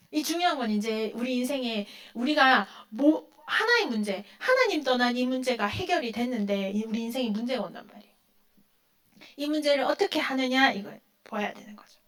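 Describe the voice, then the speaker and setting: Woman preaching to the youth group, high voice, keeps asking questions and answering them. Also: fairly bright tone. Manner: acts out quoted lines in a dramatic voice. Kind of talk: sermon to teenagers.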